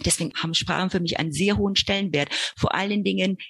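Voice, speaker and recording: A woman's voice: lowish voice, fast talker, creaky, fairly bright tone, husky, dry recording. A middle-aged woman from Argentina, an early childhood educator, answering interview questions earnestly and explaining with examples.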